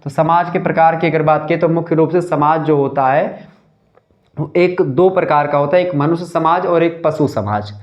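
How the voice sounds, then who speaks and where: A man's voice: on the high side, fairly even intonation, moderate pace, dull audio. A man giving a live sociology lecture, explaining step by step and repeating the key points. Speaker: sociology teacher.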